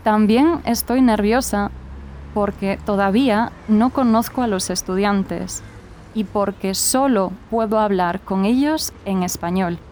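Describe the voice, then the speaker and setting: Narrating a scripted learner story in the role of a new teacher, a woman in her twenties from Galicia, Spain, speaks with a Spanish-from-Spain accent in a mid-range, somewhat mellow voice. Her delivery is slow, clear and careful, over a little hiss or hum.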